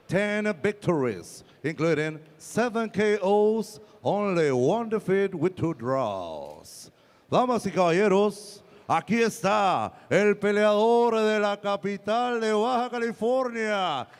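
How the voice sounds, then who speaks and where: Male ring announcer, bilingual English, high voice, lucha-libre showmanship, elongated names. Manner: showy, stretches out names and titles.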